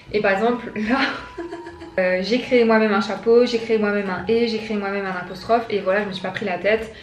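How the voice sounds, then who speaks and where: A young woman vlogging casually, explaining her design steps to viewers in a chatty, playful way. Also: mid-range voice. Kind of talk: casual tutorial vlog. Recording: roomy echo, voice from a distance, faint music.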